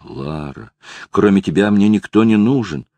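A man's voice: fairly low pitch, expressive, moderate pace, gravelly, dry recording. A man voicing a pleading man in love. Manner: quiet, pleading.

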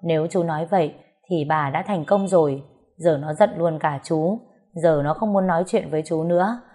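A woman's voice: low-pitched, moderate pace, mellow. A woman voicing a wounded young wife who speaks coldly and bitterly. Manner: cold and bitter.

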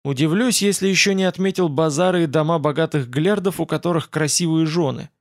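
A male audiobook narrator voicing an old, slow-speaking, grumbling advisor in a fantasy storybook. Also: fairly high pitch, close to an everyday voice. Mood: measured, grumbling. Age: older.

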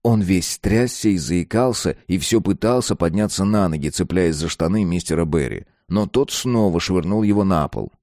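A man narrating an audiobook in a steady, even storytelling manner. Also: low voice, moderate pace, few pauses, no echo, clean studio sound.

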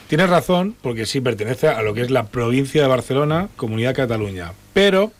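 A man's voice: medium pitch, very animated, brisk. A man on a sports radio panel bringing up a football news story, with hesitant fillers as he talks.

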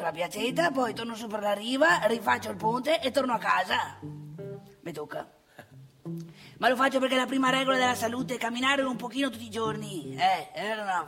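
A woman performs a comic theatre monologue to the audience, playing a garrulous old married man, a vain, nagging, boastful, grumbling father with an accent from Italy's Northeast. Her voice is natural and on the high side. Chatty and advising, she speaks emphatically and repetitively, full of tag questions and exclamations.

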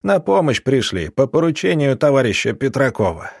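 A man voicing a tall, thin old villager in an audiobook, speaking quietly but distinctly. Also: medium pitch, sing-song, normal speed, gravelly, slightly rough, no room sound, studio quality, voice pushed up, full character voice. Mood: calm, reassuring.

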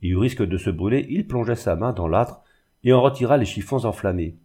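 A male audiobook reader narrates a classic novel, delivering the scripted literary text in a measured, even storytelling style. His voice is fairly low with a breathy edge.

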